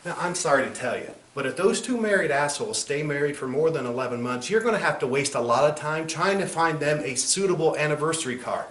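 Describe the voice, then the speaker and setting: A man playing a crude, cynical clown pitchman in a spoof infomercial, swearing and mock-sincere as he sells insulting greeting cards. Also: animated, fast, few pauses, a bit bright. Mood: dry, mock-sincere. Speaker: comedian in character as a clown. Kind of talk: spoof infomercial sales pitch with recited rhyming card verses. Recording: roomy echo, faint background noise.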